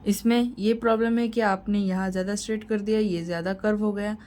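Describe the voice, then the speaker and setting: A woman's voice: mid-range voice, steady tone, brisk, dark tone, poor audio. A woman teaching a shorthand lesson, explaining each point patiently and repeating key points to reassure her students. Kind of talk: tutorial lesson.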